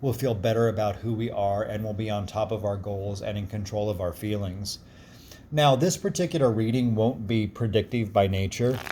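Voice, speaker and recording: A man with a gruff voice explaining a card reading in a casual, reassuring and encouraging way. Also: on the low side, normal speed, dark tone, slight background noise. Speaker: card reader.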